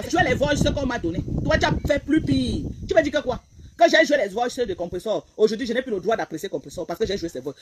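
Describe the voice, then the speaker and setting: A woman's voice: fairly high pitch, a little hiss or hum, poor audio. A woman blogger, delivering a heated, repetitive, confrontational rant on a live stream.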